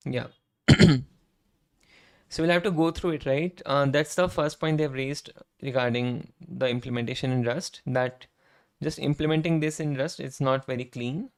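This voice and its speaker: Keyboard clicks and typing fill the background as this streamer and software engineer talks conversationally at normal speed. His medium voice is worn down and hoarse, nearly gone, with fairly even intonation, throat clearing, and a habit of tacking "right?" onto his sentences.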